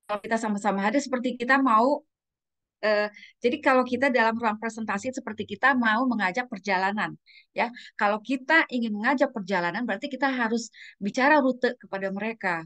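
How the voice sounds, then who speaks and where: A woman with a medium-pitched, slightly bright voice leads an informal training session as a communication trainer, recorded with no room sound. She's instructive yet conversational, often adding tag questions and slipping in English terms.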